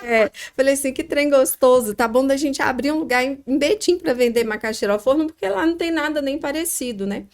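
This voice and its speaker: As a guest on a podcast, a middle-aged woman who founded a restaurant recalls her story with a Minas Gerais accent from Brazil. Her voice sits high and a little mellow, and she's thoughtful, stopping frequently with fillers.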